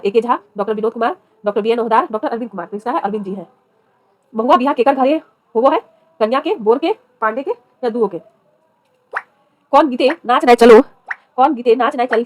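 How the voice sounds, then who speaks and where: Question after question, this fast-talking exam-prep teacher reads out the options and reveals the right answer. Her voice is fairly high. Captured close and dry, the audio has no echo.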